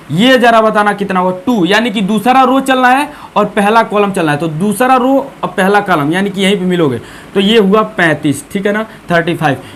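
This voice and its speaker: High-voiced chatty man teaching maths. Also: fairly bright tone, slight background noise. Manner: chatty, repeats "ठीक है ना", counts aloud. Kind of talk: casual Hindi classroom lesson.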